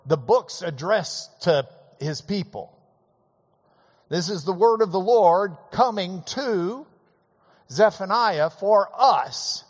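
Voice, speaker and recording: Animated man teaching Bible class. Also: a little high. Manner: animated, conversational, folksy asides. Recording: reverberant hall, dull lo-fi sound.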